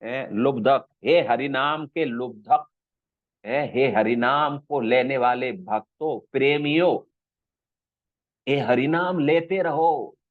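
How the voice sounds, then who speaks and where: A male spiritual teacher giving a slow scriptural discourse, explaining step by step, checking with his listeners and intoning verses. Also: medium pitch, no echo. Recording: dry, tinny phone-like sound.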